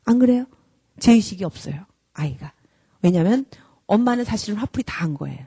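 A woman's voice: medium pitch, fairly quick, breathy edge, no echo. A woman who heads a character school, giving an earnest, direct lecture to parents and acting out scolding parents as she goes. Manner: acts out scolding parents in lively mimicry.

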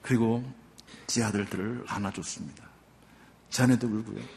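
An older man, a church elder, gives a heartfelt testimony, telling his story earnestly with many pauses. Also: fairly low pitch, fairly even intonation, gravelly, darkish tone. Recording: long hall reverb.

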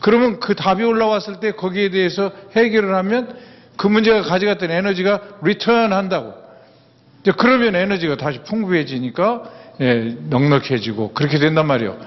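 Male lecturer, folksy and plain-spoken, fairly high voice, dull lo-fi sound. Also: brisk. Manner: folksy, plain-spoken, with frequent affirming "yes" fillers. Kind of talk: public lecture on mental health. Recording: dull lo-fi sound with long hall reverb.

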